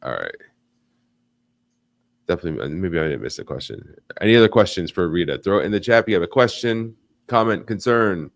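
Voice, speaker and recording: A young American man hosts a live online interview, talking casually and animatedly, rambling with many fillers and restarts. His low-sitting voice is creaky and fairly quick. He pauses often, and there's no echo.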